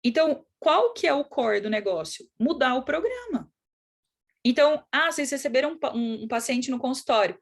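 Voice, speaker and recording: Woman, Brazilian accent, middle-aged, animated teaching talk, higher pitch. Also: normal speed. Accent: Brazilian Portuguese. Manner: animated, acts out quoted children and parents. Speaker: course instructor.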